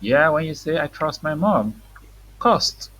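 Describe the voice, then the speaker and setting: A woman's voice: low voice, expressive, takes it slowly, fairly bright tone, slight background noise. A woman teaching reading to a young child, saying words for the child to repeat and explaining them simply.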